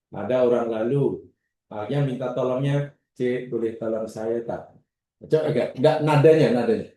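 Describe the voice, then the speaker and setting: A man with a Malaysian Malay accent teaching a religious class, lively, acting out examples and questioning his students. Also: mid-range voice. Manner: questions the class and repeats their answers. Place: classroom or prayer hall. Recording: roomy echo, distant mic.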